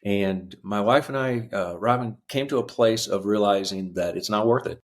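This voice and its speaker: A man in his fifties, a podcast guest telling his life story earnestly, halting with fillers. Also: fairly low pitch. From United States. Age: 50s. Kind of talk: reflective personal storytelling.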